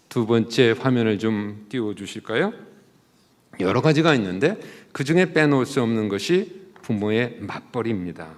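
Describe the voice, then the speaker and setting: In a big-sounding room, a man with a mid-range voice, a professor, preaches at a church service. He puts rhetorical questions to the audience and voices short quotes, acting out what the mother and the child say.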